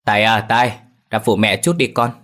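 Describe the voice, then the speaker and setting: A man with a deep voice voicing a sharp-tongued middle-aged wife who nags her husband in quick bursts. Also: husky. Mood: grudging. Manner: shrill, nagging, hurried.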